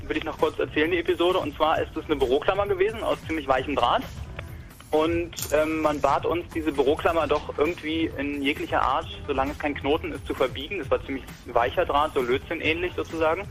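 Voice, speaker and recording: A young man from Berlin, his voice on the high side and fairly bright, chats casually about a hobby robot project. The technical talk rambles, full of fillers and restarts.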